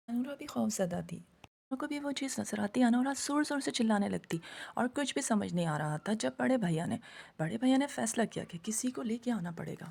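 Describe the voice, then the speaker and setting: Woman, horror story narration, husky, gravelly, dark mellow tone, dramatic. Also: a little high.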